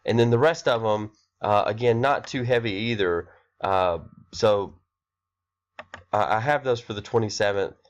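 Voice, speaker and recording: A man's voice: fairly low pitch, moderate pace, clean tone. Congested man giving a class overview. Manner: rambling, filler-heavy, self-correcting. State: congested, nasal from a cold. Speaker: math instructor. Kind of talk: recorded course overview for students. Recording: dull lo-fi recording.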